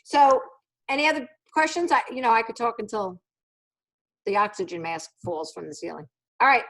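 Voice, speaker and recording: A woman's voice: on the high side, normal speed, a bit bright. A middle-aged woman running a sales training on a video call, blunt, jokey and teasing, often mimicking other people's voices. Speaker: sales trainer leading a new consultant call. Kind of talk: casual motivational training talk on a video call.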